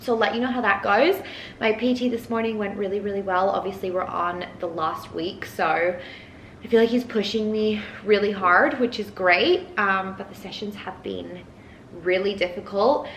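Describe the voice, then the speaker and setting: A young woman with a soft Edinburgh Scottish accent blended with Australian, chatting casually to her phone camera in a rambling vlog style. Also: medium pitch, moderate pace, reverberant, a little hiss or hum, rough recording. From Scotland, raised partly in Australia. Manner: chatty, rambling, frequent "like" and "you guys". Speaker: vlogger.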